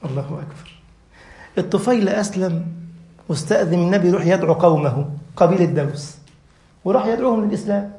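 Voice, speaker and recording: Fast, high-pitched Egyptian preacher in an echoey hall. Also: male voice. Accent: Egyptian Arabic. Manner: impassioned, rising to near shouting at climaxes. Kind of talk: mosque sermon. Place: mosque hall.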